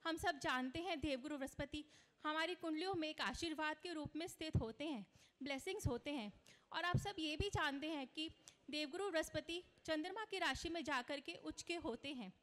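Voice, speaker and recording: A woman's voice: high voice, normal speed, a bit bright. A woman giving an earnest, instructive conference speech on astrology, mixing in English words. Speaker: astrology speaker. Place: conference hall. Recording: long reverb of a large hall.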